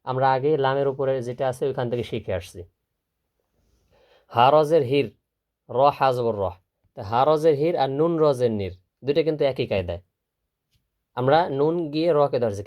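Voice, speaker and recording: A man teaching Quran recitation step by step, who drills slowly, repeats syllables, and asks and answers his own questions. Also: mid-range voice, animated, darkish tone. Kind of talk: step-by-step spelling lesson.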